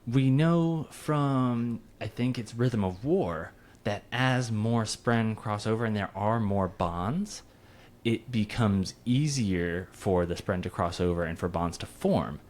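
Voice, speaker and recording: Man, podcast co-host, low voice, casual rambling chat, repeats and restarts. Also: slow, darkish tone.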